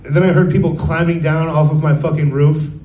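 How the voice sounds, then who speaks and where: Young male stand-up, laid-back profane storyteller, mellow slightly high voice, roomy live room. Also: steady tone, fairly quick. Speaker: stand-up comedian. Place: open mic at a coffee bar. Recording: roomy live venue sound.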